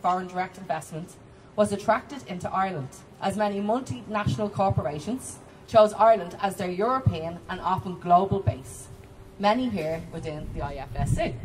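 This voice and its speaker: A woman giving a steady, informative talk to a crowd outdoors. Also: lowish voice, slight background noise. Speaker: tour speaker. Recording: distant outdoor recording.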